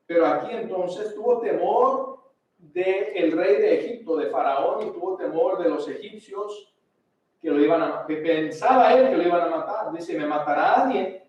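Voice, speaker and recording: High-pitched male pastor preaching, stretches out key words, sounds far off in a big echoey sanctuary. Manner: emphatic preaching, slowing down and dropping to a hush to stress words. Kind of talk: sermon. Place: church sanctuary.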